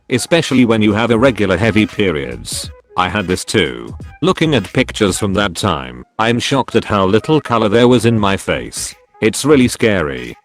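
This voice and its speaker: A man reads out forum posts in a steady, scripted narration. His voice sits on the low side, and soft music plays quietly underneath.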